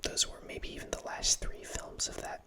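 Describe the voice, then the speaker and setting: At a moderate pace, a man in his thirties keeps up a soft, breathy whisper while hosting a loose, rambling ASMR talk on horror films. He sits close to a studio mic in a small room at home, wearing headphones, and frequently restarts or corrects himself.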